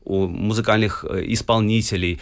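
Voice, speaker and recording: A man's voice: on the low side, steady tone, normal speed. A man in his forties from Russia, a guest musician telling his story at length in an interview, with frequent hesitations.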